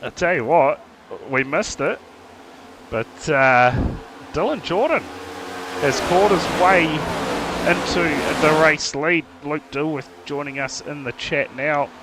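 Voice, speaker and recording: A man's voice: fairly high pitch, animated, slow pace. A man with a broad New Zealand accent giving casual, matey, slangy live motor racing commentary. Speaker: race commentator. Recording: loud engine noise throughout. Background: race car engines.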